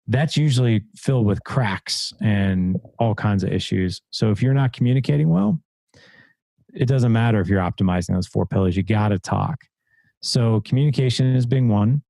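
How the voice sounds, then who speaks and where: A man's voice: fairly low pitch, gravelly, mellow, no room sound. A middle-aged man, a coach and podcast guest, talking earnestly and repeating his key points. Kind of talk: conversational podcast interview.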